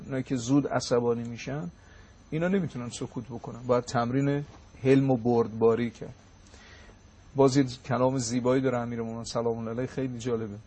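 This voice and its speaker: Male religious lecturer with a slightly husky voice, who recites slowly and then explains quickly. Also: medium pitch, darkish tone. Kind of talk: religious talk explaining sayings.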